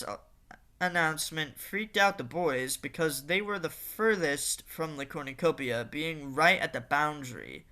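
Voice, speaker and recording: Bright-voiced male story narrator. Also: fairly high pitch. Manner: reads steadily with occasional fillers and restarts. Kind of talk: casual storytelling of fan fiction.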